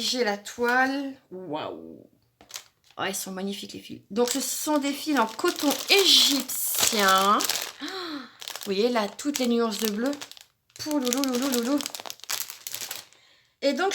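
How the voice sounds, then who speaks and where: A woman's voice: on the high side, a bit bright, a little hiss or hum. A woman vlogger chatting casually through an unboxing, thinking aloud with frequent hesitations and fillers. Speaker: crafting vlogger.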